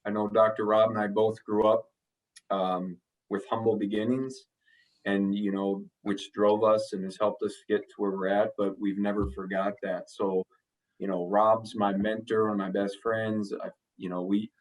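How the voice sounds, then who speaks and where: A man's voice: on the low side, little pitch movement, moderate pace, rough recording. A man, a chiropractor guest in an interview, speaking in a plain, earnest way. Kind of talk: casual interview chat.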